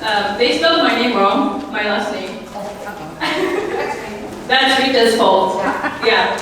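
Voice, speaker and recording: A teenage girl from Syria speaks slowly and hesitantly to an audience. Her slightly high voice carries from a distance through a long, echoing hall. A steady noise sits under the speech. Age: teens. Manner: nervous, hesitant, laughs often. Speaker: new citizen speaker. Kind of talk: nervous personal speech. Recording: echoey hall from far off, noisy.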